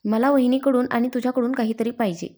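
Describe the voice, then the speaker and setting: A woman's voice: a little high, steady tone, quick pace, dark tone, close to an everyday voice. A woman voicing a cheeky, bold young sister of the groom.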